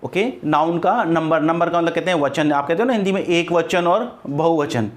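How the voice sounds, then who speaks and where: A man's voice: fairly high pitch, moderate pace. A man from India teaching an English grammar lesson, patient and repetitive, spelling words out letter by letter.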